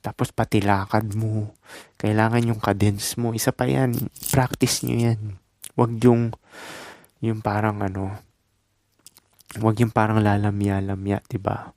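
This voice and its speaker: Low gravelly man giving casual advice. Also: flat delivery, a little slow, long pauses, a little mellow, no room sound. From Philippines. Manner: laid-back, instructive, talks in short loose phrases with tag questions. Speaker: dating and self-improvement vlogger.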